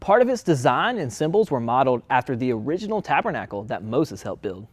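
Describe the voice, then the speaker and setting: A man's voice: mid-range voice, big pitch swings, fast. A man playing King Solomon as a laid-back, chatty guest on a talk-show skit. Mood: earnest. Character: King Solomon, adult male king, friendly and casual.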